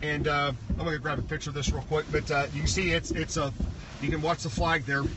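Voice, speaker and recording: A man giving live, unscripted hurricane commentary as a storm chaser, excited and urgent, often repeating his phrases. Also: fairly high pitch, fast talker. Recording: loud wind and vehicle noise, distant mic.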